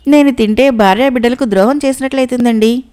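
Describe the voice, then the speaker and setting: A woman's voice: on the high side, quick pace, dark tone, natural voice. A woman voicing a meek, hungry male army commander who speaks timidly and apologetically in a storybook.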